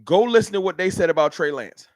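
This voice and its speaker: Talking fast in a high-pitched voice, a sports fan livestream host from Dallas, Texas gets into a heated argument with his chat. He's animated and combative, ranting as he goes. The recording is dry.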